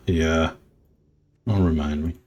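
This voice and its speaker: Slow, low-voiced sentimental male streamer. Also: steady tone, gravelly, breathy edge, faint music behind. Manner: slow, sentimental, rambling with soft laughs. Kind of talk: casual game stream chat.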